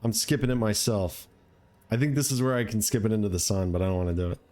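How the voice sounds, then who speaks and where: Mellow, laid-back man doing gameplay commentary. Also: fairly low pitch, fast talker. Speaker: gamer, let's play streamer.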